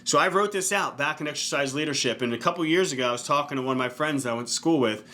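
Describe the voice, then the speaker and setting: A man in his thirties with a bright, clear-cut voice gives an earnest motivational talk as a fitness coach. He speaks casually and keeps tossing in "right?" to pull the listener along. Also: a little high, racing. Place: indoor room.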